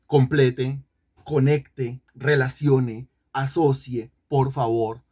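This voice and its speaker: A man's voice: mid-range voice, level tone, drawn-out words, darkish tone, slightly rough. A man teaching an online Bible lesson, often repeating himself and putting questions to the students. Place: online class.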